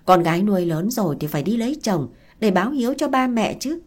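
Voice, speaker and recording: A woman voicing a brisk, persuasive middle-aged woman arranging a paid marriage. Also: mid-range voice, very animated, a little mellow.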